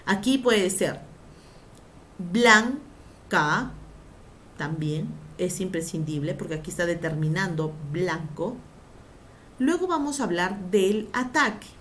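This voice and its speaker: A woman's voice: fairly low pitch, lively intonation, normal speed, a little hiss or hum. A woman teacher giving a grammar lesson, drawing out syllables for emphasis and asking the class questions before answering them herself.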